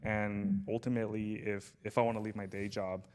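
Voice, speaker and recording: A man's voice: fairly low pitch, little pitch movement, brisk, a little mellow, slight background noise. A man in his thirties from Southern California, a podcast guest telling stories in a laid-back, rambling way and calling people "dude" and "man". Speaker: podcast guest, brand founder. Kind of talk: casual podcast chat.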